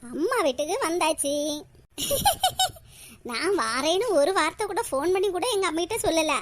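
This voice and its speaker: A woman's voice: very high voice, big pitch swings, moderate pace, noisy background. A woman voicing a whiny, dim married daughter in a cartoon, with a Kanyakumari Tamil accent. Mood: cheerful. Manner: whining, complaining.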